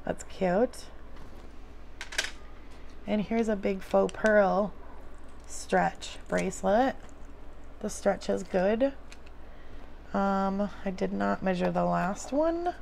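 Female vlogger, unhurried with some vocal fry, casual unboxing chat recorded indoors. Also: mid-range voice, darkish tone, slight background noise. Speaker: video host.

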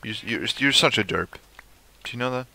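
A man's voice: medium pitch, moderate pace, vocal fry, sharp tone. A young man giving casual let's play commentary, swearing and talking to the creatures in his game. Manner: swears at the game, talks to mobs.

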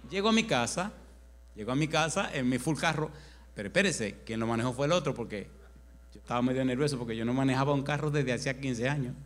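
A man's voice: mid-range voice, lively intonation, a bit bright. A man preaching as pastor in a church, telling a story animatedly and acting out the other people's words in dialogue. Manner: slow emphatic altar call. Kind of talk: sermon with acted-out anecdote.

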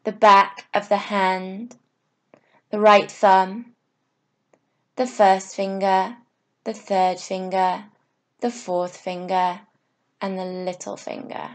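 Leading a guided meditation, a woman yoga teacher speaks at a medium pitch with a level tone. Her instructions are soothing and unhurried, delivered in short phrases with pauses between them.

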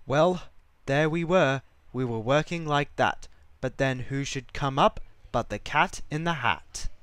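A man reading a rhyming children's storybook aloud with a lively, rhythmic delivery. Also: mid-range voice, unhurried, clean tone, dry recording.

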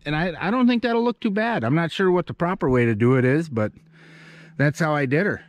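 This man's fairly high voice has lively intonation and runs a little fast as he chats about the barn he's building. A homesteader, he walks viewers around the rural site and through the wooden building, rambling with folksy charm and poking fun at himself.

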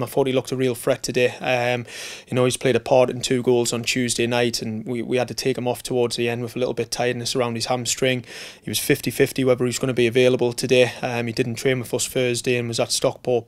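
A man in his thirties, a football club manager giving a post-match interview in a press room, talking steadily with many fillers and restarts. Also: medium pitch. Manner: steady, measured talk with frequent fillers and restarts. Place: indoor press room in front of a sponsor board.

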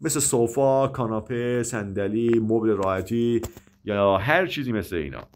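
A man whose first language is Persian, teaching English vocabulary. He explains in Persian and says the English example sentences slowly and with care, often repeating words and stopping short to correct himself. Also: mid-range voice. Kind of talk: vocabulary lesson with example dialogues.

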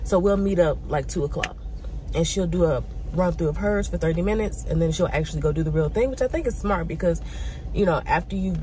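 A young woman talks to her camera in a loose, rambling way, full of "um" and "like", her voice a bit stuffy and nasal from a cold. Her pitch sits a little low for a woman, and faint street ambience with passing cars hums behind her. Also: brisk, darkish tone, a little hiss or hum. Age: young adult. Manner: chatty, rambling, many "um" and "like" fillers. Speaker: vlogger, student. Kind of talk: casual vlog check-in.

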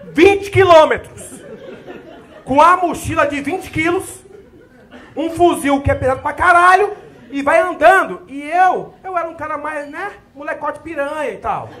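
A young adult man from Brazil doing a profane, animated stand-up routine, with a crowd laughing in the background. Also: very high-pitched, unhurried, pauses often. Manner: profane, animated storytelling with shouted sergeant bits. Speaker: stand-up comedian. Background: audience laughter.

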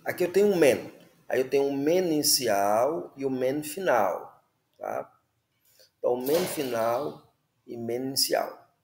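A man's voice: mid-range voice, big pitch swings, measured pace, a little mellow, roomy sound. A man teaching the Hebrew alphabet, patiently repeating words and checking in with listeners. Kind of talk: slow classroom explanation.

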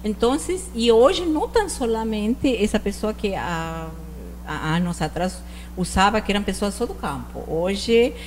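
On a rustic-ranch-style TV studio set, a shop owner in her forties from northern Argentina gives casual interview answers into a handheld mic, her Portuguese sprinkled with Spanish words and marked by an Argentine Spanish accent. She often backs up and restarts sentences. Her mid-range voice is a little slow and mellow with lively intonation, and slight background noise is audible.

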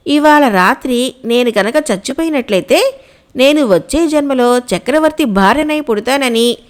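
A woman voicing a scheming landlord's wife who persuades her servant in a storybook tale. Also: high-pitched. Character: scheming zamindar's wife, middle-aged woman.

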